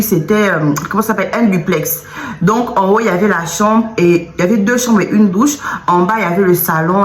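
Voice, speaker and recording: A young woman casually telling a personal story, animated and acting out what people said. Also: mid-range voice, a little hiss or hum. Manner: animated, acts out quotes. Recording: echoey room with faint ambience.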